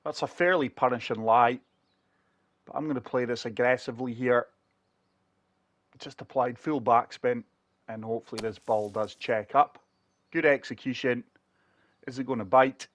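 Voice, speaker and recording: A gaming channel host chats casually through a golf video game, walking viewers through every shot while he struggles for breath with a chest infection. His medium-pitched voice holds a steady tone at a moderate pace, broken by long pauses. The recording is dry.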